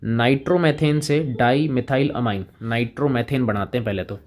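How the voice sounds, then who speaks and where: A man's voice: medium pitch, normal speed. A man teaching chemistry in a casual lecture, chatting with students and playing both sides of the conversation.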